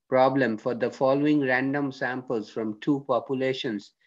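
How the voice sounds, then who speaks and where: A man teaching a statistics lesson as a screen-recorded voice-over, working through it step by step and often checking in with "okay?". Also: mid-range voice. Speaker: statistics lecturer. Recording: dull lo-fi screen-recorded audio.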